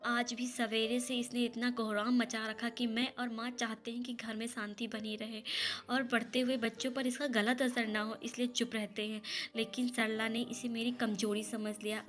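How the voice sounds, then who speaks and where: A woman's voice: a little high, natural voice. A woman reading as an anguished, earnest husband. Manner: earnest, heavy-hearted pleading. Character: grieving husband, torn between mother and wife.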